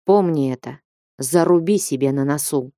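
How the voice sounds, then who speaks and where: A woman narrator voices a stern, gruff old merchant who barks commands in a low, mellow voice. His warnings land slow and heavy, and the dry, close recording keeps every word near.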